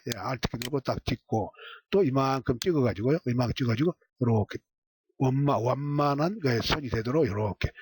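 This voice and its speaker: A man teaching a software tutorial step by step, repeating short cues as he clicks along. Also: medium pitch, slight background noise. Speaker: software instructor. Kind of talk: screen-recorded software tutorial.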